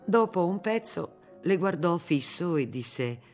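A reader giving a measured, even narration of a literary novel for an audiobook. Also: mid-range voice, soft background music.

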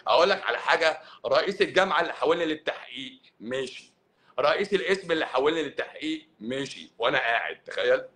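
Animated sarcastic Egyptian man. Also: fairly high pitch, quick pace. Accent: Egyptian Arabic. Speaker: doctor giving a live stream. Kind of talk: casual live-stream monologue.

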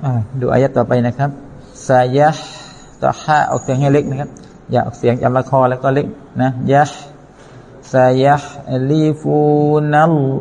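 A man's voice: medium pitch, level tone, fast, creaky, darkish tone, a little hiss or hum. A man teaching Quran recitation, chanting verses and then explaining pronunciation step by step in a careful lesson. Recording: long reverberant hall.

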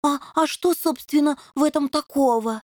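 A woman voicing a young male plasticine imp, a meek pacifist, talking hesitantly and slowly. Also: high-pitched, a little mellow, no echo, clean studio sound, pitched above the performer's own voice, lightly acted. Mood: timid.

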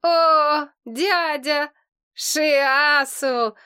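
Naive young demon man, eager and sheepish, voiced by a woman for an audiobook, high bright tone. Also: slow. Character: naive cheerful young male demon, lovestruck. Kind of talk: audiobook character reading.

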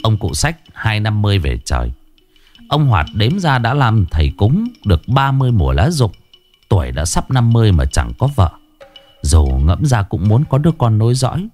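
A man narrating a ghost story in an expressive, dramatic reading. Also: fairly low pitch, moderate pace, faint music behind.

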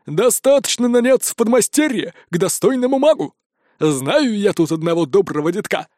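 A man's voice: sits high, lively intonation, normal speed, a little mellow, dry recording, studio quality, pitched above the performer's own voice. A man voicing a boastful century-old pirate parrot in an audiobook, with a brash, squawking manner. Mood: cocky. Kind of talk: audiobook character voice.

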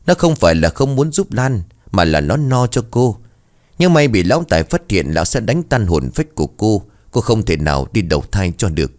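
Lively, dramatic male storyteller. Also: fairly low pitch, moderate pace. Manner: lively, dramatic reading that voices every character himself. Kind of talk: scripted ghost story narration.

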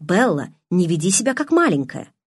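A woman reading the lines of a calm, quietly mocking young male vampire in an audiobook. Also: fairly low pitch, brisk, slightly rough, no room sound, clean studio sound.

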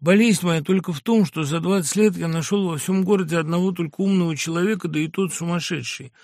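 A man's voice: high voice, fast talker, a little mellow, no echo, studio quality, voice pushed up. A man voicing a nervous, bitter middle-aged male doctor in an audiobook, swinging between rage and weary resignation. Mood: resigned. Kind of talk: audiobook character reading.

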